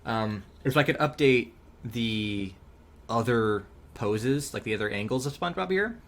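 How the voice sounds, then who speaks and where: A man chatting casually while drawing on a livestream, relaxed and rambling, thinking aloud with ums and laughs. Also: medium pitch, measured pace. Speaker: streamer and animator.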